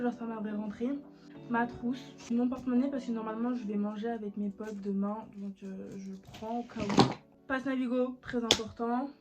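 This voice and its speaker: A young woman chats casually to her vlog viewers. Her voice is fairly high and very mellow in tone. The recording is slightly dull and lo-fi, with music playing behind her. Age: late teens. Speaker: vlogger. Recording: muffled lo-fi sound, music behind.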